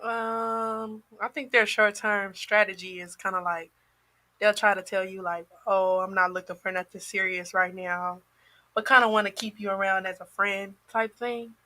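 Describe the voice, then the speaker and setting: A woman's voice: medium pitch, steady tone, moderate pace, bright, forceful tone. Giggly young woman podcast guest. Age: 20s. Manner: giggly, a bit scattered. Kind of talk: casual podcast talk.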